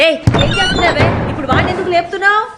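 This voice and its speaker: A dubbing actress voicing a nagging, sharp-tongued old grandmother who snaps back quickly. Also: on the high side, animated, loud music behind the voice, close to an everyday voice. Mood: scolding. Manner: scolding, quick retorts. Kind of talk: dubbed drama dialogue.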